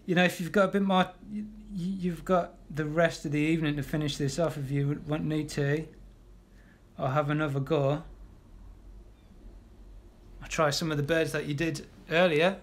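A man with a fairly high voice guides a live painting class, encouraging the viewers as he works. He talks in a loose, chatty way, full of ums and restarts while his brush moves. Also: fairly even intonation, moderate pace. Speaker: illustrator teaching a live art class. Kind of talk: casual live draw-along class.

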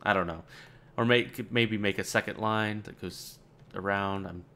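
A man with a fairly low voice gives relaxed let's-play commentary while he works through a game. He thinks aloud in a loose, rambling way and drops in dry, sarcastic asides. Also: a little slow.

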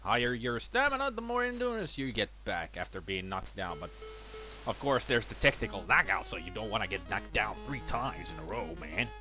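Soft background music plays as a let's play gamer talks fairly quickly about his boxing gameplay, casually putting himself down. He has a cold that leaves his voice slightly worn, and his chatty delivery swings lively in pitch.

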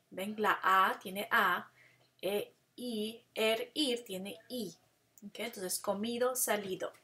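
In a pushed, bright voice of medium pitch, a woman walks through a grammar lesson, going slowly and deliberately. She draws out the example words and shifts between Spanish and English to make her points.

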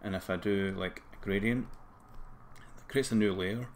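A man with a broad Scottish accent and a groggy throat, casually thinking aloud through a screen-recorded software tutorial. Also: sits low, steady tone, normal speed. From Scotland. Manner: informal, thinking aloud while working. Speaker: tutorial presenter.

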